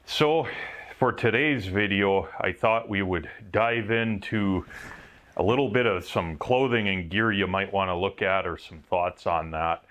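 A welder with a Wisconsin accent casually reviews work gear, rambling, offhand and poking fun at himself, with some swearing. His voice sits low and fairly bright, a little slow, and the recording is lo-fi.

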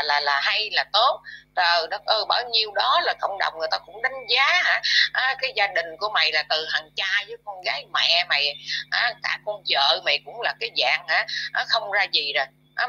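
A woman's voice: medium pitch, pushed and bright, husky. A woman with a Southern Vietnamese accent delivering an angry, scolding rant to her audience, full of fillers and insults. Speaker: YouTube commentator. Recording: dull lo-fi audio.

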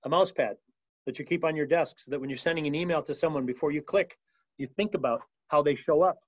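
A man presenting a business training webinar in a lively, emphatic way, now and then acting out sample voicemails. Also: a little high, quick pace, dry recording, lo-fi sound. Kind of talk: energetic business training talk. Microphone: video call mic.

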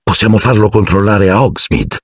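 A man's voice: on the low side, lively intonation, normal speed, breathy edge, no room sound, clean studio sound, voice pushed up. A man voicing a careless teenage schoolboy wizard who talks offhandedly and dreamily. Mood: dreamy. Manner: offhand and dreamy about sweets.

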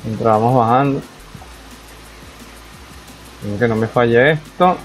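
Gaming commentator: young man, mid-pitched, chatty, talking to himself over faint background music. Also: a little slow, poor audio. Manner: chatty, reacts aloud to the game, talks to himself. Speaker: gaming YouTuber. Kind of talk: casual let's-play commentary.

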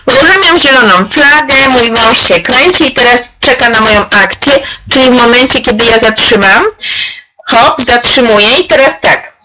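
A woman's voice: a little high, bright, forceful tone, rough recording. Upbeat woman trainer leading a webinar. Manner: chatty and encouraging, addresses participants by name. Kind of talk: live online workshop demonstration.

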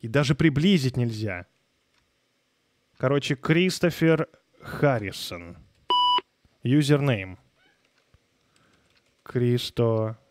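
A man streams a game live into a close microphone, his mid-range, darkish voice lively in intonation but slow and full of pauses. He comments casually, mutters in puzzlement, swears and chats with viewers, reading and answering chat over a little hiss or hum.

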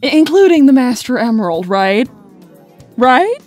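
A woman's voice: high voice, sing-song, moderate pace, darkish tone, faint music behind. A woman voicing a sultry, teasing female bat treasure hunter with a flirty, sassy drawl in a cartoon comic dub.

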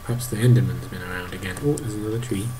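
A man in his thirties narrating a video game to his toddler, animated, exclaiming and making playful sound effects. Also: on the low side, rapid-fire. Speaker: parent playing a video game.

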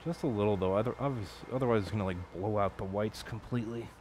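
Low-voiced man rambling at a workbench. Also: fast talker, a little mellow, a little hiss or hum. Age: adult. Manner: rambling, profane, self-correcting. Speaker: electronics hobbyist streamer. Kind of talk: casual build commentary. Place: home workbench at night.

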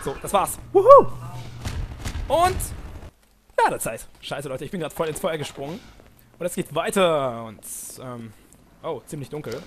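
Excitable male gamer narrating his play, high and bouncy voice, game gunfire under it. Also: moderate pace, slight background noise. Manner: excitable, panicky yelps and nervous laughs. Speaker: let's play commentator. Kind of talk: casual gameplay commentary.

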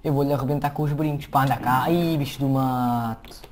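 A man with a European Portuguese accent giving casual, excitable, slangy commentary to viewers while he plays a game at his computer. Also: mid-range voice, normal speed, background noise. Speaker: gameplay commentator. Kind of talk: casual let's-play commentary. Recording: keyboard clicks and typing behind.

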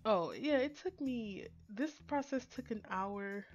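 A woman's voice: a little high, animated, a little slow, highs cut off, soft background music. A woman narrating her nail art tutorial in a casual, chatty voice-over that rambles with fillers and restarts.

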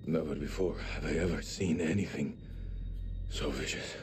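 A grave, battle-weary army lieutenant with a Middle Eastern accent. The voice sits extremely low and moves with solemn, measured care. Game music plays clearly behind it. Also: male voice, a little mellow. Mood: grave, awed. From Iraq. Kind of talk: dramatic video game acting.

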